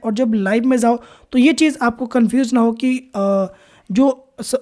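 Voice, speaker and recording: A woman teaching a beginner trading lesson over charts, explaining step by step with frequent pauses and restarts, with terms. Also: a little high, warm tone. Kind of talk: screen-recorded chart lesson.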